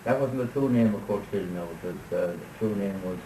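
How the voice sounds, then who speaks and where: An older man from Ireland recalling local history, speaking slowly and haltingly with many pauses. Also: fairly low pitch, warm tone, reverberant, slight background noise, poor audio. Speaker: local interviewee.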